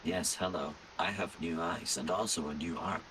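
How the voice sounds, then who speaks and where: A man voicing a stiff cyborg tech priest in a deep, gravelly monotone. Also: normal speed, a little hiss or hum, poor audio.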